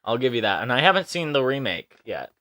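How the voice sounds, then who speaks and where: A man's voice: mid-range voice, fast, no room sound. Chatty laughing man, dry close sound. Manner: chatty, laughs easily, animated retelling. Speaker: podcast co-host. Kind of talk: casual chat.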